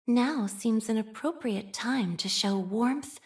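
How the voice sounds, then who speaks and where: Her pitch fairly high, a woman performs game voice lines as a young priestess who is both devout and shy. The delivery is solemn and reverent, formal and measured, with liturgical phrasing, a reserved, machine-like mindset and a hesitant, shy edge.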